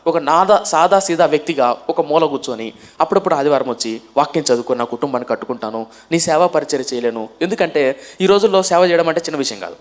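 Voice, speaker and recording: Fast-talking Telugu preacher, emphatic. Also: male voice. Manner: repeats questions to the congregation and answers them himself; swings between loud emphatic bursts and soft low passages. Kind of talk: sermon storytelling.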